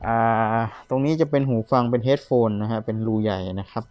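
A man's voice: medium pitch, fairly even intonation, normal speed, darkish tone, clean tone, no echo, highs cut off. A man giving a casual, polite product demonstration as a seller, talking the viewer through equipment. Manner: polite, ends most phrases with courtesy particles.

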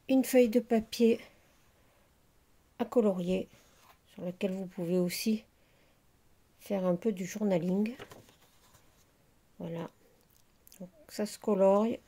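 A middle-aged woman hosting a casual crafting video, chatty and unhurried with many fillers as she shows her handmade work. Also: on the high side, dark tone. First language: French. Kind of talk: casual crafting show-and-tell.

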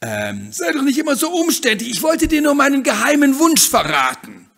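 A man voicing a blind, pushy, sunny hen with a very high, loud, shrill voice and a boastful, bossy, theatrical manner in a read-aloud storybook. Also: wildly swooping pitch, moderate pace, heavily acted. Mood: triumphant.

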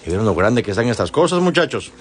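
A man's voice: on the low side, very animated, racing. A man, an animal rescuer, talks to his viewers and coos affectionately at dogs in a vlog. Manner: affectionate baby talk to animals. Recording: noisy background with dogs. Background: dogs, clicks.

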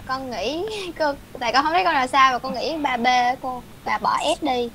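A woman's voice: high-pitched, brisk, fairly bright tone, slight background noise. A teenage girl student who answers her teacher politely and briefly.

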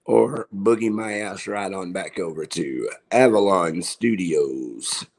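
Man, very low voice, unhurried delivery, rambling, profane, casual livestream host. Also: gravelly. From Texas. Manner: rambling and profane, with filler words. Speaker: host of a local music video show. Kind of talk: casual livestream chat, promoting bands and shows.

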